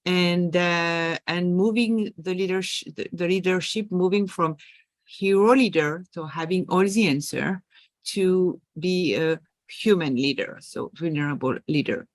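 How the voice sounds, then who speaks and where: On this podcast interview, a leadership coach from France, a middle-aged woman with a French accent, talks about her work. Her lowish voice is a touch slow and the recording is dry, and she speaks thoughtfully, often restarting and using many fillers.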